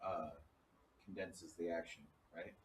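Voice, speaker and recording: A man's voice: low voice, fairly even intonation, slow pace. A man playing a tabletop role-playing game, chatting casually about rules and tactics. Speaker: player in a tabletop RPG. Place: echoey room. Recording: noisy, echoey room, distant mic.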